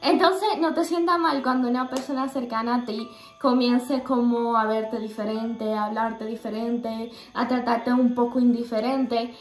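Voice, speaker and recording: High-pitched young woman sharing a faith testimony, earnest and halting, roomy echo. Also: steady tone, soft background music. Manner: earnest, halting, many fillers and restarts.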